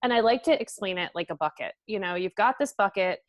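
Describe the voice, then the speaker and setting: A woman's voice: medium pitch, expressive, fast talker, no room sound. Earnest woman guest, dry close sound. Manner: earnest, frequent fillers like "um" and "like". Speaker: interview guest, practitioner. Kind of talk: casual interview conversation.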